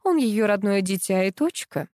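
A woman's voice: medium pitch, animated, normal speed, no room sound, clean studio sound, close to an everyday voice. A woman voicing a domineering, scolding middle-aged mother-in-law in an audiobook reading. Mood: indignant. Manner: commanding, sharp, scolding.

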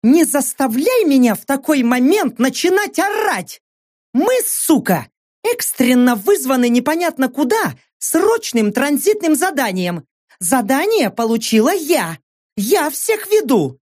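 Man putting on a shrieky bossy girl squad leader, high and yelling, super lively pitch. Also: a little slow, full character voice. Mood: shrill. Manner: shrieking, commanding. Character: shrill bossy young woman squad leader.

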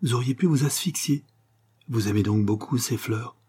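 A man voicing a kind young doctor who scolds gently and tenderly in a storybook reading. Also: medium pitch, normal speed, husky, natural voice.

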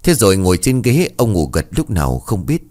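Low-voiced man narrating a ghost story. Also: brisk. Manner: expressive storytelling.

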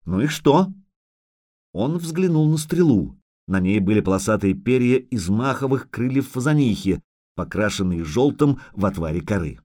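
Expressive male audiobook narrator. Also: on the low side, normal speed, dry recording, clean studio sound. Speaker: audiobook reader.

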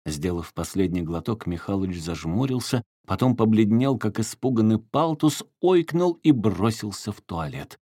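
A man narrating an audiobook in an expressive storytelling manner. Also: on the low side, normal speed, few pauses, no room sound, clean studio sound.

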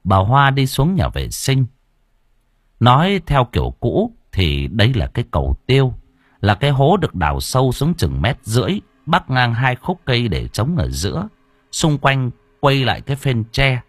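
A man tells a horror story with drama and lively, swinging pitch. His voice is husky, and the recording is dry and close. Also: dry recording. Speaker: audiobook narrator.

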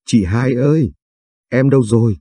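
A man voicing a mischievous teenage boy teasing his older sister in an audio story, playful and teasing, with a dark, husky voice. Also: mid-range voice, moderate pace, no room sound, lightly acted. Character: cheeky teenage boy, mischievous little brother.

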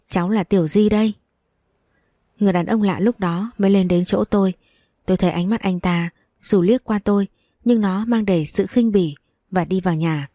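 A woman narrating a first-person story in a calm, measured reading voice. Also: medium pitch, no room sound.

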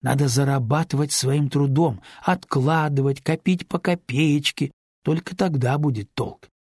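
A stern older nurse, blunt and thrifty, lectures in a raised, husky voice, as a male narrator puts her on. The storybook reading has a gravelly edge and sounds dry and close. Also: on the high side, unhurried, darkish tone, dry recording. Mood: stern lecturing.

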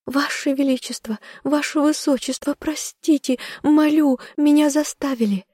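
A terrified young servant girl begs for mercy in a high, thin, stammering voice, as an audiobook reader puts her on. Her panicky pleading stays soft and mellow in tone, recorded close and dry with no room around it. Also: steady tone, normal speed, dry recording, natural voice. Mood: begging. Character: frightened young female servant, lying poisoner. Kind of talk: audiobook character voice.

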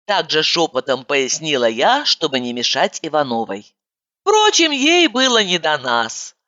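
A woman reading a comic first-person audiobook with animated, exasperated outbursts. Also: sits low, measured pace, highs cut off. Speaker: audiobook narrator.

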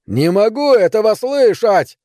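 Мужчина изображает обезумевшего парня с топором. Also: male voice, fairly high pitch, a little slow, darkish tone, dry recording, clean studio sound, natural voice. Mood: frenzied. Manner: screaming, manic laughter. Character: frenzied young man wielding an axe, shrieking.

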